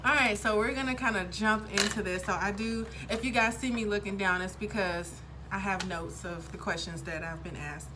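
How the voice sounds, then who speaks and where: A woman's voice: mid-range voice, normal speed, few pauses, background noise. A woman in her thirties chatting casually to camera as a vlogger, upbeat and full of fillers. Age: 30s. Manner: upbeat, chatty, lots of ums.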